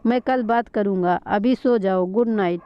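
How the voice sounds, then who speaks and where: A woman's voice: medium pitch, moderate pace, clean tone, lightly acted. A woman reading the part of a curt, sulky young man in a family love story. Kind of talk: storytelling read-aloud. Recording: dull lo-fi recording.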